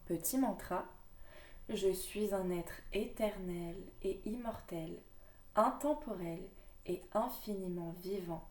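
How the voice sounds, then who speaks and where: A woman reads oracle cards and their affirmations at an easy pace, breaking off into musing comments between them. Her voice is mellow and dark-toned. It sounds like she sits some distance from the mic in a roomy, echoing space. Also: medium pitch. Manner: gentle, unhurried, musing asides with fillers. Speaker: card reader. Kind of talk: reading oracle cards aloud with casual asides. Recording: echoey room, voice from a distance.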